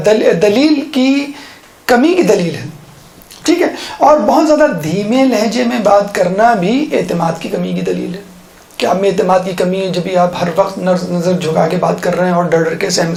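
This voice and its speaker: A woman's voice: medium pitch, creaky, a little mellow, reverberant. A woman giving an instructional lecture on how to give sermons, explaining step by step and often checking in with her listeners. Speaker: religious teacher.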